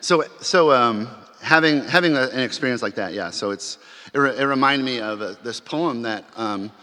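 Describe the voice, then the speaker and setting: A mid-range, pushed, bright male voice at a moderate pace tells a symposium audience a personal story, chatting loosely with frequent fillers and restarts. The setting is a large chapel, heard with long hall reverb.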